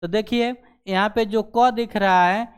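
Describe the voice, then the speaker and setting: Clear-voiced man teaching a lesson. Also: high-pitched, fairly even intonation, a little slow. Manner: repeats "ठीक है" after nearly every sentence; asks questions and answers them himself. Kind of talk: classroom grammar lesson.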